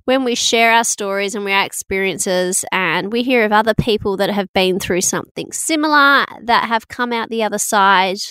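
A woman's voice: medium pitch, a bit bright, smooth, no echo. A middle-aged woman hosting a podcast alone, talking frankly, swearing freely and laughing at herself. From Australia. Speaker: podcast host. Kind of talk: casual solo podcast monologue.

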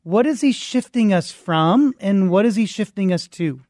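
Male radio host, higher voice, encouraging interviewer, dry close studio sound. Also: animated, normal speed, a little mellow, no room sound.

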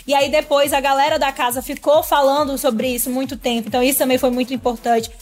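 Podcast guest, woman, high voice, lively storyteller who replays her own thoughts, faint music underneath. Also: quick pace. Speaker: guest, former reality show contestant. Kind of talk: casual podcast interview.

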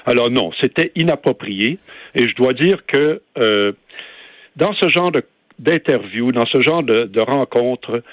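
A man's voice: mid-range voice, lively intonation, measured pace, dry recording. A man with a Québécois French accent, a guest on a radio phone-in, talking in an emphatic, lecturing way. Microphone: telephone. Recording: dry phone line.

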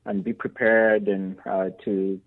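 A man's voice: on the low side, little pitch movement, takes it slowly. A man, a guest on a radio interview, answering earnestly with many fillers and restarts. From Uganda. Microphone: phone. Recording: tinny phone line.

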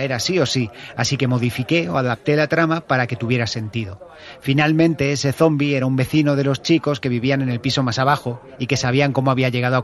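A man hosts a podcast and answers listener questions about his work as an audio drama director. He talks in a measured, explanatory way, laying out his methods step by step. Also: mid-range voice.

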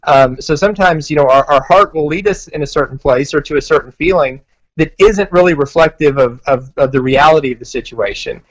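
American male expert guest, conversational and earnest, lightly raised pitch. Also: fairly quick, rough recording. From United States. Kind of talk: conversational advice.

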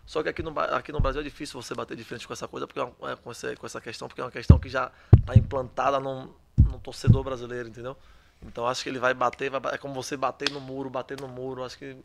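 A man's voice: mid-range voice, level tone, very fast, vocal fry, noisy background. A young adult man from Salvador, a footballer answering interview questions in a chatty way that often restarts phrases and tags on questions. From Salvador, Bahia, Brazil. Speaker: footballer guest.

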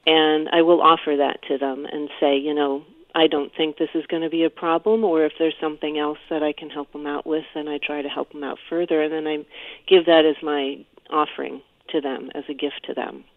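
A woman's voice: low-pitched, flat delivery, brisk, no echo. A woman calling in to a radio show over the phone, speaking hesitantly with many fillers and restarts. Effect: heard over a phone line. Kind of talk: call-in radio conversation. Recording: tinny phone line.

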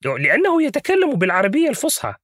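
A man doing a high voice for a gentle fuzzy male puppet monster. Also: wildly swooping pitch, racing, dry recording, clean studio sound, exaggerated voice.

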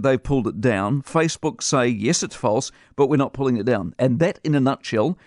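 A man's voice: mid-range voice, no echo. Kiwi radio guy ranting, blunt and scornful, dry close mic. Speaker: radio host. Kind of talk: opinionated radio commentary. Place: radio studio.

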